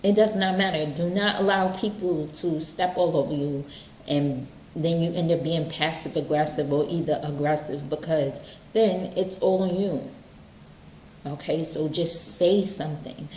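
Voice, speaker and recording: Slow, low-voiced woman giving life advice. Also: a little mellow, reverberant, a little hiss or hum, rough recording. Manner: earnest, repeats points with "okay?". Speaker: self-help speaker. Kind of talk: casual motivational talk.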